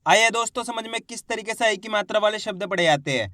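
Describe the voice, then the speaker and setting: A man's voice: sits high, quick pace, pushed and bright, dry recording, clean studio sound. A man teaching a reading lesson, sounding out each syllable and then drawing out the whole word.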